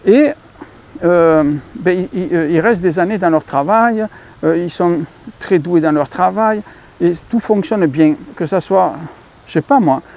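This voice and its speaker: A man's voice: sits high, measured pace, vocal fry, darkish tone. A man with a French accent hosting his own channel, talking in a rambling casual monologue full of fillers and self-corrections, calling viewers dear friends. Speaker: YouTube channel host.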